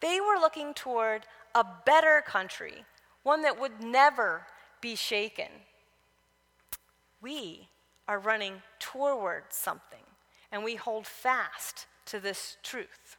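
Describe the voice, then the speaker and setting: A woman with a bright, forceful, fairly high voice delivers Bible teaching in a conversational way. She moves from personal stories to direct exhortations to the listeners. Her voice carries a long reverb from a large hall. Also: animated, slow pace. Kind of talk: conference Bible teaching talk.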